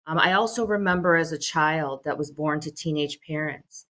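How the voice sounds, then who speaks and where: This middle-aged American woman heads a social services agency and delivers earnest prepared remarks at a telephone town hall, saying "um" frequently. Her voice is low and fairly bright, moving at a moderate pace.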